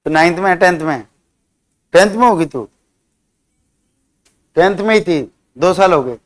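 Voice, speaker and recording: Man teaching a lively vocabulary class. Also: sits high, measured pace. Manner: drills words by spelling them out and quizzing students; teasing, scolding banter with students. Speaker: English teacher.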